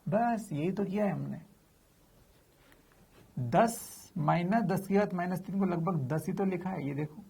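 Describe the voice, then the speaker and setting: A man's voice: sits high, a little slow, creaky, pauses often, darkish tone, slightly rough. A man teaching physics in a chatty, informal lecture, asking questions and answering them himself. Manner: addresses students familiarly, slips in slang.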